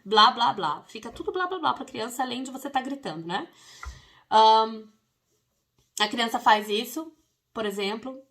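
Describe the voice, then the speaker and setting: A woman's voice: a little high, lively intonation, moderate pace, pauses often. A woman, hosting a parenting podcast in a casual explanatory way. She talks through everyday examples and repeats her key points. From Brazil.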